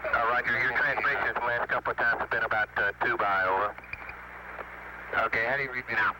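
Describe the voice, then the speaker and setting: A man's voice: medium pitch, steady tone, fast. A man on a crackly, breaking-up space-to-ground radio link, using clipped radio procedure talk with hesitant fillers. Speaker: astronaut and mission control on radio. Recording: noisy archival space radio from far off.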